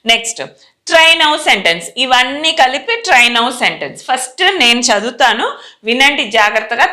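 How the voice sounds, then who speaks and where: A woman with a Telugu accent teaching English pronunciation slowly, spelling words letter by letter and repeating them for her viewers. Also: on the high side, sharp tone. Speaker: spoken English tutor. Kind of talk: slow classroom pronunciation lesson. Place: indoor teaching setup with a screen.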